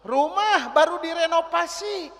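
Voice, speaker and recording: A dying man pleads tearfully with God in a high, bright voice, as a preacher acts him out. He speaks slowly, and the sound rings with the long reverb of a large hall. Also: animated, exaggerated voice. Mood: pleading.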